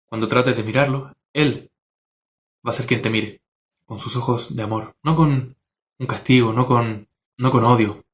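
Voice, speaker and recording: Earnest man preaching with measured pauses. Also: mid-range voice, steady tone, a little hiss or hum. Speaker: Sunday school teacher. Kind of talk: sermon and closing prayer.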